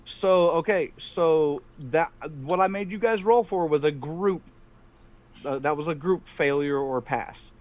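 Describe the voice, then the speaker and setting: A middle-aged man with a slightly high voice acts as game master. He improvises the narration haltingly, circling back over his words. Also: darkish tone, muffled recording. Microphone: headset on a video call.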